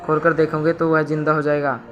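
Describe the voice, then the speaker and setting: A woman's voice: deep voice, flat delivery, fairly quick, highs cut off, faint music behind, lightly acted. A man voicing a sly old village woman who fakes mourning and coaxes with motherly words. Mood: coaxing. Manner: wailing, motherly coaxing.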